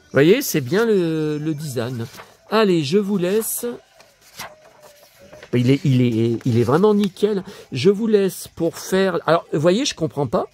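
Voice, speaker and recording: Older man, from France, vlogger, musing aloud, slightly high voice, slow delivery. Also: animated, a little mellow. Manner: chatty, musing aloud, reading English words in a French way. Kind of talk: casual chat while leafing through a book.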